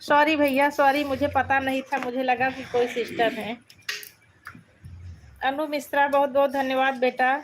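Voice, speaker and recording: A woman's voice: high voice, flat delivery, moderate pace, slight background noise. A woman hosting a live stream, reading viewers' comments aloud and greeting and thanking each one by turn. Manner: friendly, repeats greetings and thanks. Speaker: livestream host.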